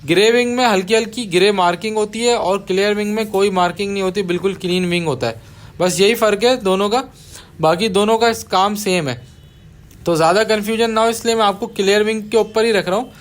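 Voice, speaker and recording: A man's voice: high-pitched, brisk. A man teaching budgie breeding in a patient voice-over, repeating key terms and dropping casual asides to his viewers. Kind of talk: explanatory voice-over over bird footage.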